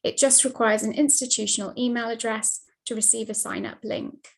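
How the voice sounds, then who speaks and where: Woman on a video call reading through slides, kinda high voice, mic keeps dropping in and out. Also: normal speed, vocal fry. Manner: steady, scripted delivery. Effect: video call audio, mic cutting in and out. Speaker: presenter. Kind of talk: webinar slide presentation. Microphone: computer mic on a video call.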